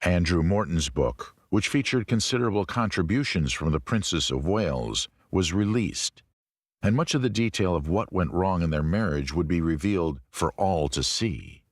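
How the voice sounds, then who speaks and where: A man giving steady, scripted documentary narration. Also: low-pitched, moderate pace, dry recording, clean studio sound.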